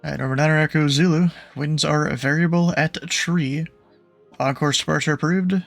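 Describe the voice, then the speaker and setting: Creaky, higher-voiced young-sounding male controller. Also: steady tone, normal speed, dry recording, soft background music. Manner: informal, hesitant phrasing. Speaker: air traffic controller in a flight simulation. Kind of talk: air traffic instructions mixed with casual chat.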